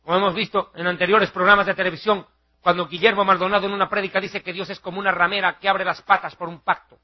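A male preacher giving a fiery, mocking televised sermon, acting out shouting crowds. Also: high voice, little pitch movement, quick pace, muffled recording.

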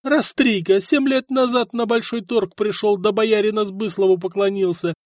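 A man's voice: high voice, fairly even intonation, normal speed, dry recording, clean studio sound, voice pushed up, natural voice. A man voicing a terrified male clerk who wails and begs for mercy under torture, in a storybook reading. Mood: pleading. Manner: wailing, pleading loudly.

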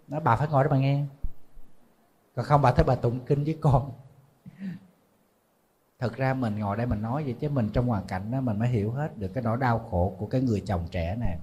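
A man who is a Buddhist monk with a Southern Vietnamese accent, telling a story in a relaxed, conversational sermon and calling himself "thầy". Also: medium pitch, a little fast, long pauses, husky. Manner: conversational, refers to himself as "thầy", laughs at his own slips. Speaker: Buddhist monk giving a dharma talk.

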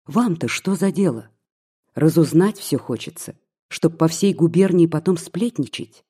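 A reader voicing a young serf girl, pained and defiant, with a husky voice. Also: mid-range voice, expressive, measured pace, mellow. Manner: pained, indignant.

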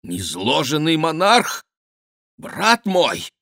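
A man voicing a frightened, pleading king who protests in a raised, shrill voice in an audiobook reading. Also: expressive, unhurried, vocal fry, a bit bright, no room sound, studio quality, exaggerated voice. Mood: alarmed.

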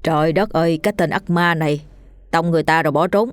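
A blunt young man who scolds his friend one moment and fusses over him the next, put on by a woman reading a story aloud. His tone is lowish, with a dry, close sound. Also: quick pace, no echo, close to an everyday voice. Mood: blunt worry.

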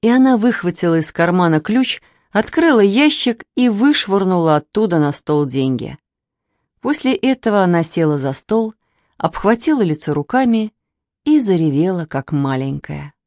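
A woman narrating a children's storybook with a lively, expressive reading. Her voice swings freely in pitch and sounds dry and close to the mic. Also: moderate pace, dry recording. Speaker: reader.

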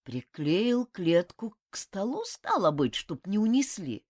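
A woman's voice: mid-range voice, big pitch swings, a little slow, darkish tone, dry recording, studio quality. A woman voicing a crafty old male house spirit who talks in a rustic, grumbling way in an audiobook. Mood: grumbling, folksy. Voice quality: rustic village speech, grumbling. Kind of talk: audiobook character voice.

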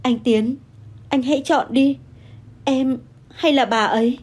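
A woman voicing a scheming young mistress who shouts, wails and pleads through tears. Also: high voice, fairly even intonation, takes it slowly, husky, pitched above the performer's own voice, heavily acted. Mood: tearful wailing.

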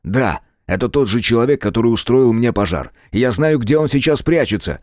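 An indignant gentleman scholar, played by a male narrator speaks with heated resolve in a raised voice. The audiobook sound is close and dry. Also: medium pitch, expressive, a little fast, dry recording, voice pushed up, lightly acted.

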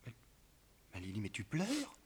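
A fussing, doting husband. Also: male voice, lowish voice, huge pitch swings, measured pace, darkish tone, slight background noise. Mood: worried. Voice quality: fussing, coaxing, talkative. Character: naive doting husband, fussy and tender. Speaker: husband consoling his wife. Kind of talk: 1950s French stage play.

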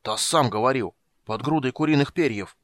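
A man's voice: mid-range voice, moderate pace, no echo, pitched above the performer's own voice, lightly acted. A man reading the part of a grumpy old dwarf who blusters with indignation. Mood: complaining.

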